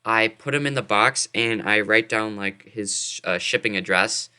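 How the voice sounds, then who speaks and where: A man playing a tabletop game, animated and often restarting his sentences. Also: on the low side, a little slow, clean tone. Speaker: player. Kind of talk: casual tabletop play.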